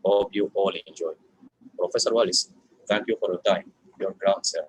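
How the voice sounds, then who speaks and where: A man moderating an online lecture over a video call, introducing the speaker formally, halting now and then with fillers. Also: low voice, breathy edge, low-quality recording. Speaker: event moderator.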